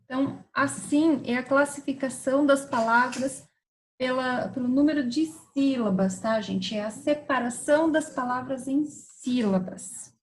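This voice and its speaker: A woman's voice: high voice, poor audio. A woman teacher, patiently explaining a grammar lesson and checking in with her students as she goes. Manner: patient, spelling words out slowly with frequent "tá?" and "certo?" checks.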